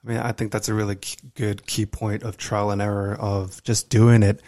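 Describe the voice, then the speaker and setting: A man's voice: fairly low pitch, little pitch movement, moderate pace, darkish tone, no room sound. A man hosting a podcast interview, encouraging and asking open questions. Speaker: podcast host. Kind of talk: casual interview.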